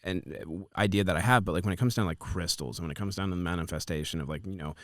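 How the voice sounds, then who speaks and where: A man's voice: low voice, rapid-fire, no echo, studio quality. A man in his twenties hosting a podcast, chatting casually and rambling with lots of fillers and swearing. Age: 20s. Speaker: podcast host.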